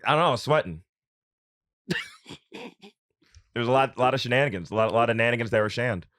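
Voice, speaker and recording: A man's voice: mid-range voice, lively intonation, fairly quick, fairly bright tone, dry recording. A man co-hosting a wrestling podcast, reading viewer chats and joking around. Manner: playful, laughs a lot, reads super chats. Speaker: podcast co-host. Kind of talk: casual wrestling chat.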